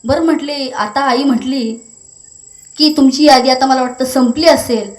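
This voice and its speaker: A woman preacher giving a devotional kirtan sermon, telling a lively story and breaking into chanted verses. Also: high voice, normal speed, reverberant.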